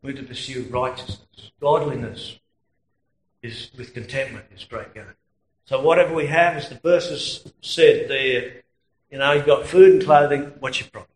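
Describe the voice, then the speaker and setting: Australian preacher in an echoey room. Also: male voice, medium pitch, moderate pace, slight background noise. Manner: conversational, anecdotal, chuckles at own stories. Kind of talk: sermon.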